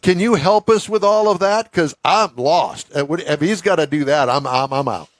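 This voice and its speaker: A man hosting a live radio talk show, jovial and quick to laugh. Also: a little high, no echo. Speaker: host.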